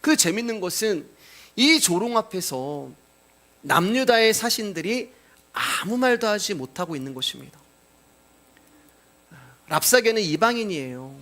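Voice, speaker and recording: A man's voice: high-pitched, sing-song, measured pace, long pauses, fairly bright tone. A male pastor preaching a sermon, explaining scripture and questioning the congregation with rhetorical questions. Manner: cues scripture readings aloud.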